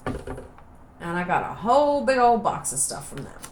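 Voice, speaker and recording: A woman's voice: a little high, sing-song, measured pace, a little hiss or hum. A woman with an Appalachian hillbilly accent, chatting casually and playfully in a rambling, folksy way as she hosts a craft vlog. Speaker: soap maker and channel host.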